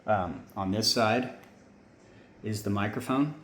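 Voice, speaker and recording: Slow and a bit bright, a lowish male voice wanders informally through a hobbyist's homemade gear, frequently correcting himself along the way. It's a casual how-to recorded in a roomy space with faint ambience and slight background noise.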